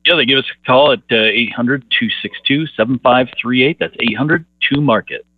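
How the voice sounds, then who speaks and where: A man on a phone call giving casual market commentary, halting with many filler pauses. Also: mid-range voice. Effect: over the phone. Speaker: market analyst guest. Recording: tinny phone line with faint noise.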